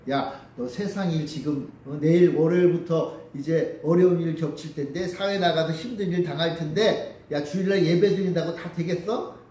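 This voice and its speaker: A man's voice: on the high side, fairly even intonation, normal speed, hardly any pauses, mellow, close to an everyday voice. Pastor doing a scoffing tempter spirit guy, taunting questions, echoey hall from far off. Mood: mocking. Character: sneering male tempter spirit, scornful.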